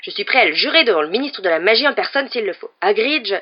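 A big blustering gamekeeper bursts out in loud, rushed protests, as a man reading a storybook puts him on. His voice rides high and hard. The sound is slightly muffled. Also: lively intonation. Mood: agitated. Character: blustering giant male gamekeeper, loud and agitated.

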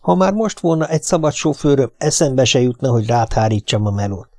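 Man reading as anxious husband, coaxing, gravelly, dry. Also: medium pitch, animated, darkish tone, no echo. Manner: coaxing, reassuring, plain. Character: nervous, coaxing middle-aged husband.

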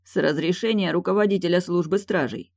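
A woman's voice: on the low side, a little fast, darkish tone, no room sound, clean studio sound, voice pushed up. A woman reading an audiobook, voicing a weary, curt male guard investigator who talks in a terse, defensive way.

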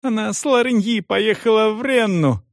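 A male narrator voicing a desperate condemned woman who curses and begs in shrill cries. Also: normal speed, no echo, studio quality. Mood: pleading.

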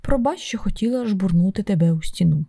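A woman's voice: mid-range voice, animated, a little fast, vocal fry, dark tone, husky, no room sound. A woman voicing a tired young mother, close to her own reading voice, in an audiobook. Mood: soothing. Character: tired young mother, frazzled but tender.

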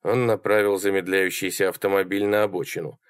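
A man reading a horror story aloud as an audiobook narrator, in an expressive, dramatic way. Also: sits low, a little fast, clean tone, dry recording, studio quality.

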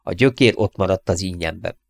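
A man with a low, gravelly voice reads a humorous first-person story aloud. His delivery swings widely in pitch as he tells it. The recording is dry and close, with no room sound. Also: no room sound. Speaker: audiobook narrator. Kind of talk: first-person audiobook narration.

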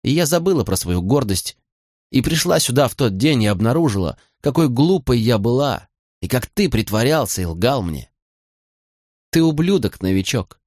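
A man's voice: mid-range voice, big pitch swings, moderate pace, a little mellow, no room sound, clean studio sound. A man voicing a proud young woman who is hurt and angry, speaking in a raised, reproachful voice. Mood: bitter.

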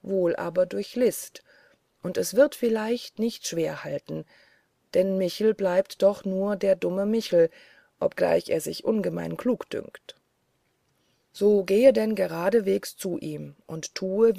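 A woman reading the lines of a small, wise male glass forest spirit who gives hushed instructions. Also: mid-range voice, slow, vocal fry, no echo, studio quality. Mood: instructing.

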